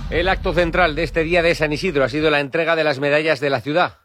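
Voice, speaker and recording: A man anchoring a radio news bulletin with a steady, formal delivery. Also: on the high side, quick pace, faint music behind.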